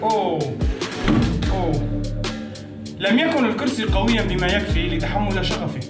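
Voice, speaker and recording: A man's voice: high-pitched, lively intonation, moderate pace, loud music behind the voice. A man playing a pompous would-be Andalusian poet. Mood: grandiose. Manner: lofty formal speech sprinkled with Spanish greetings. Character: pompous self-styled Andalusian craftsman-poet, grandiose. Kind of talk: comedy sketch acting. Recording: echoey room, voice from off-mic.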